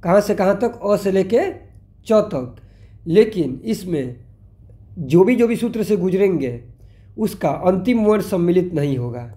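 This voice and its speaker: A male teacher talks through a grammar lesson in a high, mellow voice. He keeps asking the class questions and answering them himself. Now and then he slows down to spell out sounds one by one. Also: lively intonation. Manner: explanatory, asks and answers own questions.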